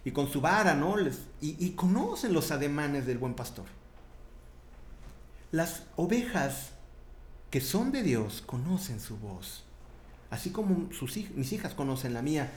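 A man's voice: on the high side, a little slow, echoey room, a little hiss or hum. A man with a Mexican accent preaching a sermon in a chatty, conversational way, often tagging his sentences with questions. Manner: conversational, animated, tag questions.

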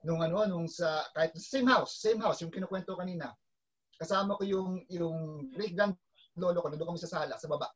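A man telling a story in excitable casual Taglish, with bursts of shouting at the key moments. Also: high voice, brisk, dull audio. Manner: excitable, breaks into shouts at climaxes.

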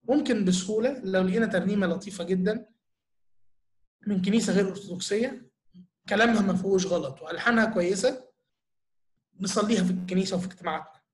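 Egyptian male church teacher, high voice, quick, earnest Q&A explainer. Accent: Egyptian Arabic. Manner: earnest, explanatory, full of rhetorical questions. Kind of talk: answering audience questions in a talk.

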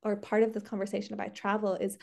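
A woman's voice: mid-range voice, monotone, fast talker, vocal fry, darkish tone. Reflective woman podcast host. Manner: reflective, rambling with many restarts. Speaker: podcast host, trainee therapist. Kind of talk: casual podcast chat. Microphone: video call.

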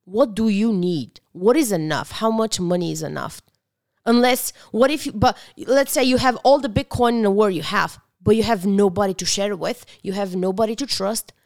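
A woman's voice: medium pitch, normal speed, a little mellow. Earnest woman. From Bulgaria. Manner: reflective, earnest, with frequent restarts. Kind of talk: casual interview conversation.

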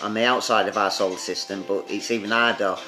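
A man co-hosting a casual podcast chat, blunt and sweary, pausing often on fillers. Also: lowish voice, fairly even intonation, music in the background. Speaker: podcast co-host.

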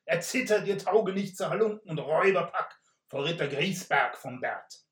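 A gray-bearded old knight, put on by a man reading aloud, bellows in archaic, theatrical phrases. His gravelly voice rings out in a roomy space. He sounds pompous and loud in a storybook reading. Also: lively intonation, moderate pace, close to an everyday voice. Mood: bellowing. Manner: booming, theatrical, archaic speech. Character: blustering old knight in chain mail. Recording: roomy echo.

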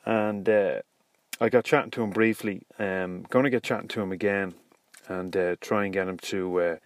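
The host, an Irish man with a low voice, speaks at a moderate pace with fairly even intonation during his solo podcast. He records from the passenger seat of a parked car, sounding casual, rambling and hesitant, with no room sound.

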